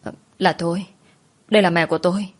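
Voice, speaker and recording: A woman's voice: lowish voice, fairly even intonation, fairly quick, lightly acted. A woman voicing a frightened young woman who pleads tearfully for her sick mother. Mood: pleading.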